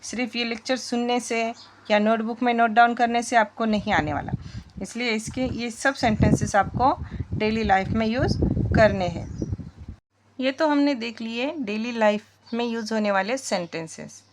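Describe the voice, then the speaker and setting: A woman's voice: a little high, normal speed, background noise. A woman teaching spoken English, repeating sentences word by word and quizzing her viewers.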